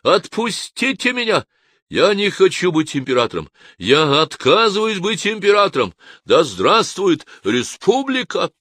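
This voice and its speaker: A man's voice: mid-range voice, moderate pace, hardly any pauses, a bit bright, dry recording, studio quality, pitched above the performer's own voice, close to an everyday voice. A man reading an audiobook voices a frightened older man who stutters and limps and pleads in panic. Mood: frantic. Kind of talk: audiobook character voice.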